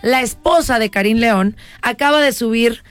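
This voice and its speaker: A woman's voice: on the high side, moderate pace, music in the background. A woman with a Mexican accent hosting a casual gossip chat, telling stories and asking the audience questions. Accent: Mexican Spanish. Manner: chatty, storytelling, asks the audience questions. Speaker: gossip show host.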